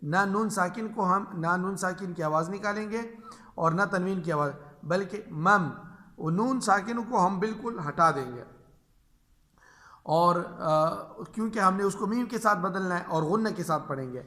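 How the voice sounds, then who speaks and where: A man gives a lesson on Quran reading rules in a patient, repetitive teaching manner. His voice is bright and forward, pitched a little high for a man. He slows right down and drawls the examples letter by letter. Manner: patient, repeats each rule and drawls examples slowly. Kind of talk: explaining tajweed rules to teachers.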